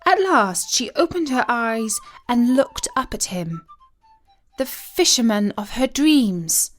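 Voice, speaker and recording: A woman tells a scripted story in the role of a storyteller, her voice a little high and her delivery expressive, deliberate and solemnly dramatic. Music plays in the background.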